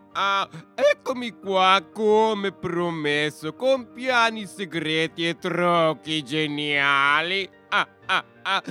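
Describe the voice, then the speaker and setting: A man's voice: sits high, pushed and bright, clean tone, pitched above the performer's own voice, heavily acted. A man playing Zetromax, a cackling hammy villain. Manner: theatrical evil laughter. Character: boastful cackling male villain, scheming and hammy.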